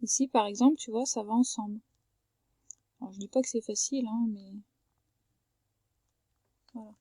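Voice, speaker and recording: A woman teaching a young child to read from home, patient and careful. She draws out each word slowly so every sound comes through. Her voice sits fairly high and the sound is dry and close. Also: steady tone, mellow, no echo. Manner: patient, slow and clear, stretching out words to sound them. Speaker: primary school teacher. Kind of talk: remote reading lesson for a young child.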